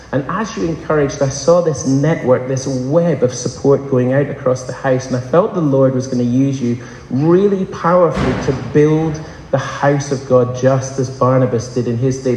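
A man delivers an impassioned sermon to a congregation, frequently asking the room rhetorical questions. His mid-range voice has a warm tone, with slight background noise. The setting is a large church hall whose echo leaves a long reverb.

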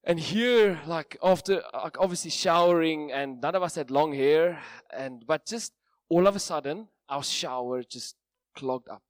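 A man with an Afrikaans accent, a native Afrikaans speaker, gives an informal sermon in a hoarse, strained voice with a self-deprecating, jokey manner. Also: on the high side, unhurried, dry recording, clean studio sound. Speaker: preacher.

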